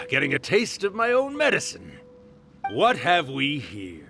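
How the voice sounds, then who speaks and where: A man's voice: mid-range voice, huge pitch swings, takes it slowly, creaky, full character voice. A man voicing the theatrical, scheming spirit of a dead author who possesses a woman, in a video game. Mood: wry. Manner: theatrical, gloating, swings from hushed to grand. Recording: game audio with loud music.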